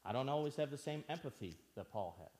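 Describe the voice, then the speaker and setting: A man's voice: medium pitch, lively intonation, quick pace, a little mellow. A man from Albania preaching a sermon in church, earnest, asking the listeners questions and repeating phrases for emphasis.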